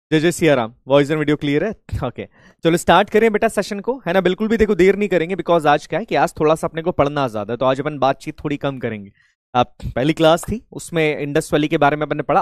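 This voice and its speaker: In studio-quality audio with no room sound, a slightly high-voiced man runs a live virtual lesson. He sounds a little sick, switches between Hindi and English, chants patriotic salutations, and repeatedly checks if the students can hear.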